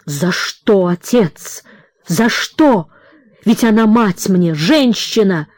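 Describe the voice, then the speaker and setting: A woman's voice: medium pitch, expressive, takes it slowly, a little mellow, dry recording, clean studio sound. A woman reading an audiobook voices a desperate young son crying out in a boyish, breaking voice. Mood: pleading. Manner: pleading, crying out.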